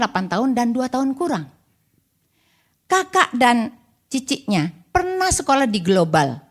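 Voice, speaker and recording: Animated high-voiced woman preacher. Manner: animated, rhetorical questions to the congregation. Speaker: evangelist preacher. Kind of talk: sermon. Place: church service.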